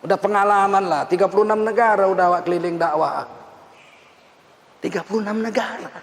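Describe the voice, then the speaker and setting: A man preaching a lively, humorous sermon, teasing and laughing as he mimics the people he mentions. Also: high voice, fast. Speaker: Islamic preacher. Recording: echoey hall, faint ambience.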